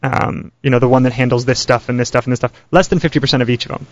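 A man hosting a call-in radio show in a smooth radio host manner, chatty and keeping the talk moving between callers. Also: medium pitch, fairly even intonation, very fast. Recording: dry, dull lo-fi radio broadcast.

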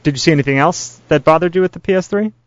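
A man with a smooth radio host delivery runs a call-in show, chatting quickly and steering from caller to caller. His voice is dry and close, with no room around it. The sound is dull and lo-fi, like an old broadcast. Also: fairly high pitch, no room sound. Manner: chatty and fast, keeps the talk moving between callers.

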